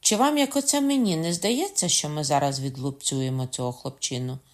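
An audiobook reader voicing a hot-tempered young nobleman who shouts and threatens. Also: medium pitch, a little fast, lightly acted. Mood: indignant shouting. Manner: loud, shouting and indignant. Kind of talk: audiobook character voice.

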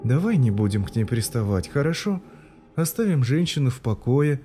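A man reading an audiobook, voicing a harried young mother who scolds and coaxes her son in quick bursts. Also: mid-range voice, very animated, mellow, breathy edge. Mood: coaxing. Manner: scolding, hurried.

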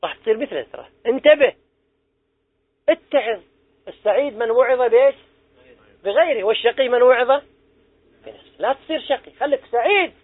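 A man's voice: extremely high pitch, expressive, a little fast, pauses often, dry recording. A middle-aged man, giving a religious lesson to young people in an earnest, exhorting way and putting questions to his listeners. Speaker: preacher teaching young people. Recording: tinny phone-like recording.

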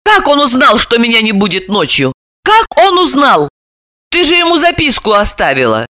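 A frantic, jealous young sister from an audiobook, her voice flying high and shrill as she sobs out accusations, performed by a woman narrator. The tone is lively and bright, swinging wildly in pitch. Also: normal speed. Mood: hysterical accusing. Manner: tearful, accusing, shrill outbursts. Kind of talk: audiobook character voice.

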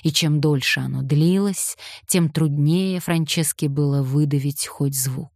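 Low, slow woman narrating. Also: darkish tone, no room sound, clean studio sound. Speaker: audiobook narrator. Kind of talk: scripted narration.

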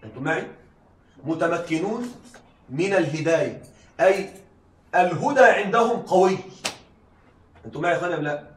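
A man's voice: on the high side, lively intonation, a little fast, long pauses. A man teaching rhetoric in a classroom lecture, repeatedly asking his students whether they are following. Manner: keeps checking students follow. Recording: echoey classroom, distant mic, faint hiss.

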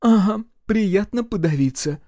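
A man's voice: high-pitched, animated, measured pace, dark tone, no room sound, clean studio sound, pitched above the performer's own voice. A man voicing a hot-tempered young woman fighter, snapping and scornful, in an audiobook. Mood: spiteful. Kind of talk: audiobook character voice.

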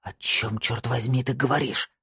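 A narrator voicing a retired older male judge who mutters low and wearily and dodges the questions, with a husky tone. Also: steady tone, normal speed, a bit bright, no room sound, clean studio sound, heavily acted. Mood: weary.

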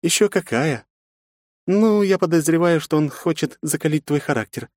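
A sharp-tongued, protective aunt with a raised, biting voice, as a male narrator voices her. She is read from a storybook in a dry, close recording. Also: fairly high pitch, animated, moderate pace, no room sound, voice pushed up, lightly acted. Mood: soothing. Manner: sharp, scolding, mocking. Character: stern, protective woman, the girl's aunt.

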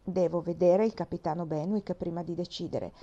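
A woman reading the part of a dignified older lady, speaking in a measured, gentle and mellow voice. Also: on the low side, fairly even intonation, lo-fi sound, close to an everyday voice. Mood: gracious.

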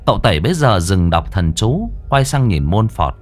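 Man telling a ghost story, low voice that swings a lot, faint music behind. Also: big pitch swings, moderate pace. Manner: vivid, dramatic storytelling with crude slang.

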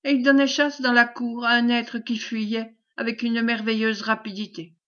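A woman reads a classic novel aloud in a measured, expressive style. Her voice sits somewhat high, and the recording is dull and lo-fi. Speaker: audiobook reader. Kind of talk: audiobook narration of a classic novel.

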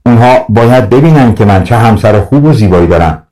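Earnest young hero, read by a man, storybook, brave, mellow tone, slightly distant mic. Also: fairly low pitch, expressive, close to an everyday voice.

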